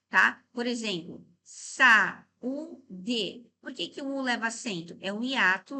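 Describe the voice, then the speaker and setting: A middle-aged Brazilian woman teaches grammar to exam candidates in a bright, slightly high voice. She walks through each rule step by step and keeps checking in with her students. She stretches words out slowly to break them into syllables. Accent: Brazilian Portuguese. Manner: didactic, checks in often with "tá?" and "né?". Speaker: Portuguese teacher. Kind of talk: exam-prep grammar lesson.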